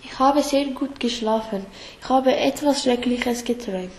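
A woman's voice: fairly high pitch, normal speed, a little mellow, lightly acted. A woman voicing a sleepy, worried schoolgirl in a read-aloud story. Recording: roomy echo, faint background hiss.

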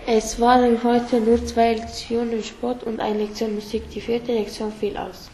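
A woman reading a children's story aloud, halting and stumbling over words now and then. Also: a little high, flat delivery, mellow. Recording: roomy echo, faint background hiss.

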